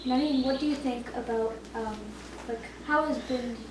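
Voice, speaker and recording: A woman's voice: fairly high pitch, steady tone, moderate pace. A young woman interviewing a guest, asking her questions tentatively with some fillers. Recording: roomy echo, distant mic, faint noise.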